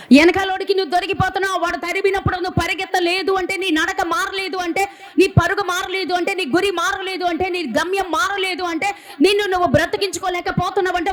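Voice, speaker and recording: Woman preaching in a church, high voice, keeps repeating lines and firing questions at the room. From India. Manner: repetitive, rhetorical questions, emphatic. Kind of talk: sermon.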